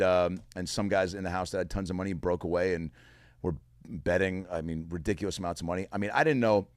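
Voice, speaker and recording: A man casually telling profane stories on a podcast, animated and laughing as he goes. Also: lowish voice, no echo, clean studio sound. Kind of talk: casual storytelling.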